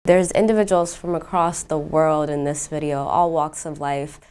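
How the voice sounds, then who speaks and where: A woman's voice: deep voice, fairly even intonation, normal speed, darkish tone, smooth, soft background music. A woman hosting an interview, asking questions in a supportive way with frequent fillers. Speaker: interview host.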